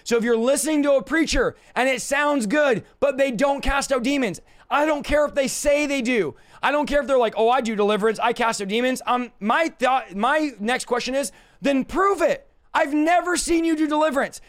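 A male preacher with a very high, raspy voice, strained and worn from overuse. He teaches informally to a livestream, pushing his points combatively and repeating them for emphasis. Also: normal speed, few pauses, fairly bright tone. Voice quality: hoarse, raspy. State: voice worn out from yelling. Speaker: preacher and deliverance minister.

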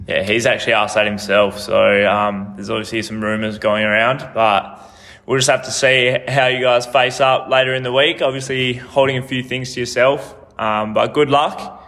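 A man's voice: medium pitch, steady tone, normal speed, a bit bright, long reverb tail. A man hosting a casual sports interview. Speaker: host interviewer.

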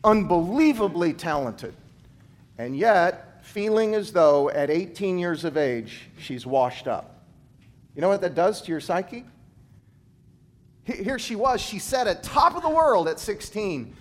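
A former gymnastics coach delivers emphatic stories in a fairly high male voice. Big rises and falls in pitch and volume mark his speech, and he turns low and quiet to land the important points.

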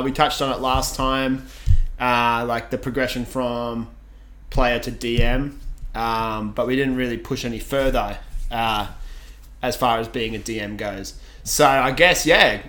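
A man's voice: medium pitch, flat delivery, a little slow, a bit bright. A man co-hosting a casual podcast chat, talking in a laid-back, rambling way and laughing easily. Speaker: podcast co-host.

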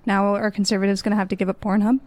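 A woman's voice: medium pitch, flat delivery, racing, darkish tone, no echo. A woman guest on a comedy podcast, chatty and peppering her talk with "like". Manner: chatty, talks with lots of likes. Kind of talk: casual comedic chat.

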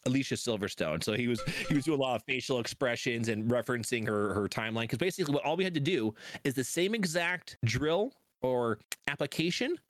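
A man co-hosting a podcast, telling a story in casual chat and acting out his own remarks with lively energy. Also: medium pitch, fairly quick, few pauses, slight background noise. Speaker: podcast co-host.

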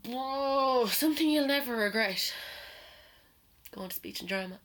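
A woman in her twenties with a flat Irish midlands accent from Portlaoise, chatting casually and colloquially as a podcast co-host. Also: fairly high pitch, unhurried, slight background noise. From Ireland. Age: 20s. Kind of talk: casual banter between friends.

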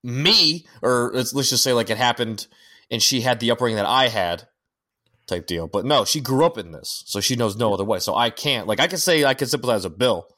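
A man's voice: medium pitch, expressive, a little fast, bright, forceful tone. Man, casual podcast chat, rambling, lots of "like", swears casually. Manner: rambling, many fillers and restarts, swears casually; firearms-nerd critiques. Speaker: podcast co-host.

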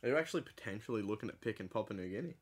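A man's voice: on the low side, animated, racing, husky. An Australian man co-hosting a podcast, bantering casually with a friend in a blokey, sweary, teasing way. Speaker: podcast co-host.

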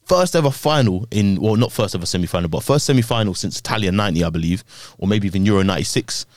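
A man's voice: fairly low pitch, animated, quick pace, no room sound, studio quality. A man with an urban London roadman accent hosting a casual, slangy football chat. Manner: slangy, conversational. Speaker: football podcast host.

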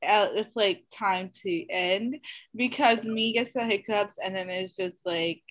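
A woman's voice: medium pitch, a little slow, fairly bright tone. A tipsy young woman co-hosting a podcast, reacting chattily and signing off the show. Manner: chatty, laughing reactions and sign-off. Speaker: podcast co-host. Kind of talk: casual chat.

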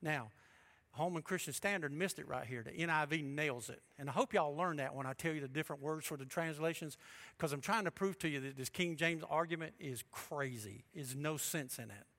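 Bright-voiced preacher man. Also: a little high, a little fast. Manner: emphatic, swings between loud and hushed. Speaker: pastor. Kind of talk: sermon.

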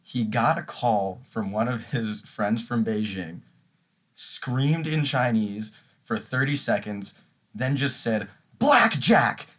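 A man's voice: lowish voice, slow pace. A young man co-hosting a podcast, telling a story casually and acting it out with swearing and laughter. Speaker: podcast co-host. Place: audio-only podcast recording.

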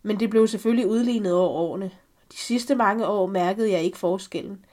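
A woman reading a first-person story aloud for a podcast, calm and measured. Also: mid-range voice. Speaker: podcast reader.

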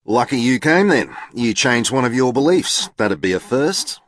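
A man's voice: mid-range voice, sing-song, normal speed, pitched above the performer's own voice. A man doing a charming, sociable professor. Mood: smooth. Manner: smooth and charming. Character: smooth sociable male professor.

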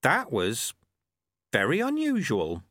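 A man voicing an old village witch and midwife who boasts cheerfully in a high, bouncy voice. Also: huge pitch swings, slow pace, fairly bright tone, no room sound, heavily acted. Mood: bustling.

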